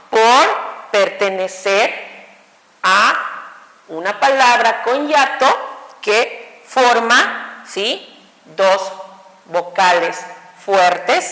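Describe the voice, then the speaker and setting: Slow, deliberate woman teacher in echoey room. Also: a little high, fairly bright tone. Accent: Mexican Spanish. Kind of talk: online grammar class. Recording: echoey room with long reverb.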